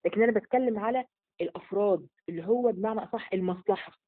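A woman's voice: mid-range voice, very fast. A woman with an Egyptian Arabic accent giving a religious lesson to women, in colloquial speech that poses rhetorical questions and answers them. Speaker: religious teacher. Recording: phone-like narrow sound.

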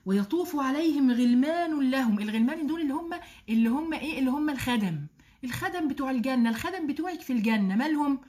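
Quick Egyptian woman teaching religion. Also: high voice. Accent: Egyptian Arabic. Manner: drawn-out chanted Quran recitation between quick lively explaining. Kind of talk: religious lesson to women.

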